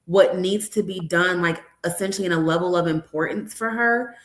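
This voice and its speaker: A woman's voice: on the low side, moderate pace. Candid woman guest in an echoey room. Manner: candid, storytelling, acts out dialogue with her daughter. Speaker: guest, nurse educator and mother. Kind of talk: conversational interview.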